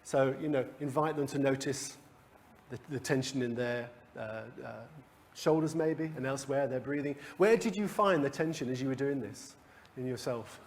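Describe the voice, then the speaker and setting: A man's voice: medium pitch, normal speed, a little hiss or hum. A man leading a coaching workshop for a live group, talking conversationally with restarts and chuckles. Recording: long hall reverb.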